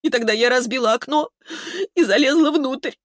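A man reading an audiobook, voicing a tearful young woman who wails and sobs in a high voice. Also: animated, racing, darkish tone, dry recording, studio quality, close to an everyday voice. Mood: anxious. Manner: high, wailing and breathless. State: sobbing. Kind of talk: audiobook character voice.

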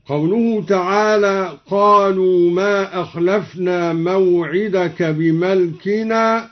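On a dull archival radio recording, a man teaches recitation readings, explaining each one slowly and intoning the quoted verses in a measured way. His voice sits high, with fairly even intonation.

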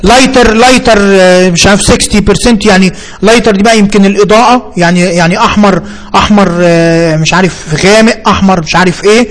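A man's voice: sits high, fast, low-quality recording. A man with an Egyptian accent teaching a computer lesson, thinking aloud and repeating himself as he explains each term. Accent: Egyptian Arabic. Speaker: computer instructor. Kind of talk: screen-reader software tutorial.

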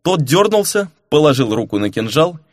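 A man narrating a fantasy audiobook with an expressive reading. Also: on the high side, moderate pace, dry recording, studio quality.

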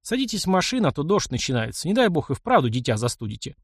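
A man's voice: on the high side, very animated, fast talker, slightly rough, no echo, studio quality, full character voice. A man voicing a blunt, kind young engineer in an audiobook. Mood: gruff, caring. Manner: blunt, plain-spoken. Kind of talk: audiobook character voice.

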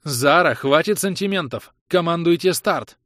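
Man doing a bossy lady scientist, raised voice, sharp and cursing, dry audiobook sound. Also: fairly high pitch, lively intonation, measured pace, no room sound, voice pushed up. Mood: commanding. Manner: sharp, cursing, shouting orders. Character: usually cold female scientist, now furious.

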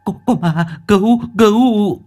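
A man's voice: mid-range voice, expressive, normal speed, natural voice. A man voicing a timid young male disciple who stammers and panics. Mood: terrified.

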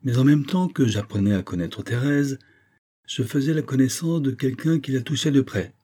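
A man's voice: medium pitch, normal speed, mellow, pitched above the performer's own voice, close to an everyday voice. A man reading aloud and voicing an earnest young colonel who explains himself insistently.

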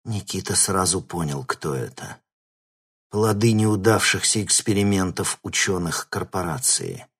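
A man reading an audiobook in steady, scripted narration. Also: lowish voice, breathy edge. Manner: steady storytelling.

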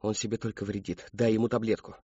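Audiobook: cold nagging inner voice, read by a man, low and husky, hushed and insistent, muffled. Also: little pitch movement, fast, no room sound. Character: hushed cold nagging voice inside a mother's head.

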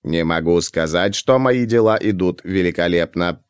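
A man voicing a rickety patchwork robot with a metallic, grating voice and flat, mechanical delivery. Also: deep voice, smooth, no echo, studio quality, voice pushed down, lightly acted. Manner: slow, flat, mechanical repetition. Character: rickety patchwork robot automaton, male, mournful. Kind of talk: audiobook character voice.

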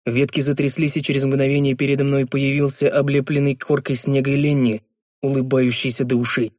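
A man narrating a fantasy story in a measured, even read. Mid-pitched voice, recorded dry and close. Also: no room sound. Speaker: audiobook reader. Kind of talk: scripted narration.

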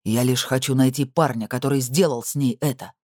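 A man's voice: medium pitch, steady tone, moderate pace, darkish tone, no room sound, clean studio sound, natural voice. A man voicing a desperate, hot-tempered ex-convict man who makes curt demands. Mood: demanding.

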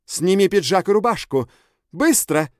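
Cruel commanding woman, man reads her, higher voice, lively menace. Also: moderate pace, dry recording, clean studio sound, natural voice. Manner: menacing, domineering orders.

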